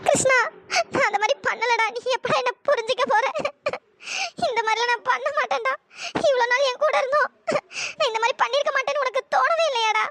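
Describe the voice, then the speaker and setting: A tearful young wife in a cartoon story, voiced by a performer. She sobs and pleads in a very high, piercing voice. There is faint hiss behind her. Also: steady tone, a little fast, bright, forceful tone, heavily acted. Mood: tearful pleading. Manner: sobbing, pleading. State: crying. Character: young wife, heartbroken, wrongly blamed.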